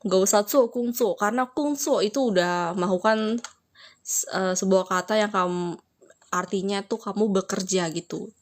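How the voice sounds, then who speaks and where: Chatty young woman tutoring Mandarin. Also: mid-range voice. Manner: chatty, slows down to spell out Mandarin phrases. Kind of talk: casual live lesson answering viewers.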